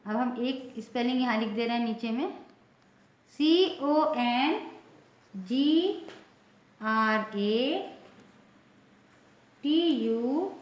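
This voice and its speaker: Woman teacher, high voice, slow and deliberate, spells each word out, then answers her own question; echoey lo-fi room. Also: animated. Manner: spells words letter by letter, then repeats the answer slowly. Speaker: English pronunciation teacher. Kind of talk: classroom lesson. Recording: echoey room, dull lo-fi sound.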